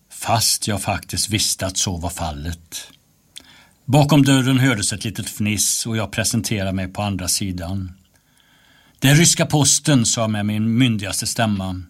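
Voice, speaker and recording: A man narrating a first-person story in a calm, measured reading voice. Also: fairly low pitch.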